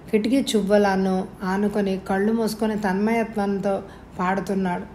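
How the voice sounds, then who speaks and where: Mellow-voiced woman reading a story. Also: medium pitch, a little hiss or hum. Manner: measured, expressive reading. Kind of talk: scripted story narration.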